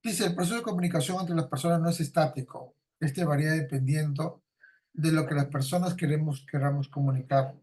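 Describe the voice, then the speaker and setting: A man's voice: on the high side, fairly quick, a little mellow. Man lecturing with constant "no?" tags. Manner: tags nearly every sentence with a questioning "¿no?"; explains by repeating points and giving everyday examples. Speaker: teacher. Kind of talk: lecturing a class.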